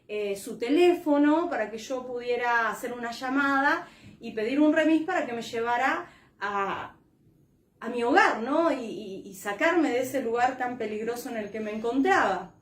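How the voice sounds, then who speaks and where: A woman's voice: on the high side, expressive, measured pace, roomy sound. A woman pastor with an Argentine Spanish accent, telling a personal testimony in a sermon, heartfelt, with many fillers and restarts.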